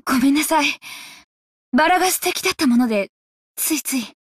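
A harsh, volatile mother with a high, quick and very lively voice. She is sharp and abrupt, with faint music behind her. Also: no room sound, clean studio sound. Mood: polite.

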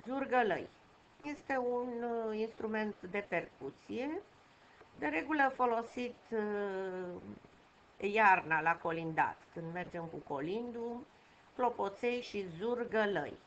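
A woman teaching a lesson for young children, patient and repeating key words slowly. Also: medium pitch, expressive. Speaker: primary school teacher. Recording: dull home recording with faint noise.

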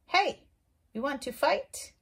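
A woman voicing a grouchy, pushy little ladybug who loudly picks fights. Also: lively intonation, slow, vocal fry, exaggerated voice. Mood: challenging. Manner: high, loud, challenging.

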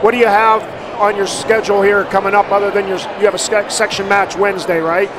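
A man co-hosting a postgame sports show, chatty and agreeable, speaking into a headset in a high school gym. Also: little pitch movement, quick pace. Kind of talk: postgame interview. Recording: noisy gym background.

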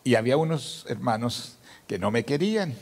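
A man's voice: medium pitch, big pitch swings, normal speed, big-room sound. An older man, a pastor, telling his story in a sermon and acting out the dialogue. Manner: storytelling, acts out dialogue, grows loud and emotional. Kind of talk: sermon testimony.

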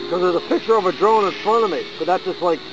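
A man's voice: high voice, fast talker. A middle-aged man, a police officer, chatting outdoors in a park and asking lots of curious questions. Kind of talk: casual chat outdoors. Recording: noisy outdoor recording.

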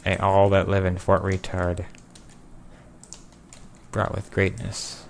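A young man casually commenting on his own gameplay, joking and sarcastic, with sudden loud outbursts. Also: low-pitched, completely flat delivery, takes it slowly, gravelly, slight background noise. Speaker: gameplay video creator.

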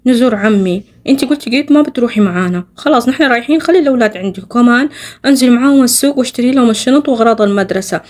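A woman's voice: fairly high pitch, a little mellow, natural voice. A woman voicing a busy mother, handing off her kids in a game role-play. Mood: brisk. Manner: brisk, giving instructions.

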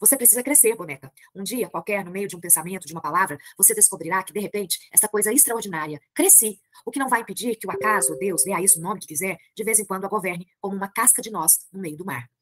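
A woman's voice: medium pitch, quick pace, hardly any pauses, a bit bright, close to an everyday voice. A Brazilian woman reading a novel aloud, voicing a worldly woman who teases and talks down to a younger one. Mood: teasing. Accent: Brazilian Portuguese. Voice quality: mocking, patronizing.

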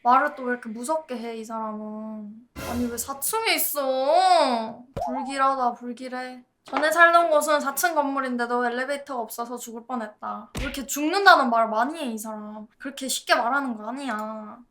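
A woman's voice: high voice, moderate pace, few pauses, fairly bright tone, a little hiss or hum. A woman streaming a horror game, commenting and reading the text aloud in a scared, jumpy manner with exclamations. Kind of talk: gameplay commentary with on-screen text read aloud.

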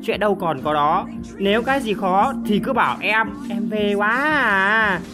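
A woman with a hoarse, worn voice chats her way through a mobile game match. Her pitch sits in an ordinary middle range, and she keeps bursting into loud exclamations and repeated short cries. Game music plays clearly underneath. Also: normal speed. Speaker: game commentator. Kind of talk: casual mobile game commentary.

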